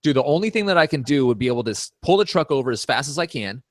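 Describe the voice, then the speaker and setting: A man's voice: mid-range voice, lively intonation, very fast, no room sound, studio quality. A man hosting a casual podcast, telling a rambling story full of swearing and "dude". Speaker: podcast host. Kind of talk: casual chat.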